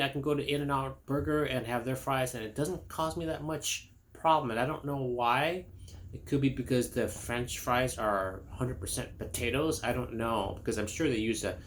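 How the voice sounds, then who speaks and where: In a mid-range, slightly bright voice, a middle-aged man from Indonesia, a chiropractor, rambles through a casual health talk to camera, full of fillers, restarts and stories from his own life.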